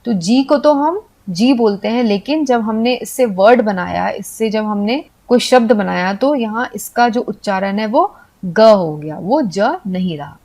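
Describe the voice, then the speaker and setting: A woman giving a patient video lesson for Hindi speakers, explaining step by step and spelling letters out slowly. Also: medium pitch, darkish tone. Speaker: English teacher.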